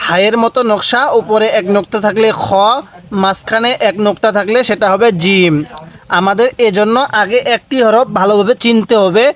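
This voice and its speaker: A man teaching beginners to read Quranic letters, going slowly, repeating each letter and asking listeners to say it after him. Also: sits high, fairly even intonation, a bit bright. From Bangladesh. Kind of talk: step-by-step letter lesson.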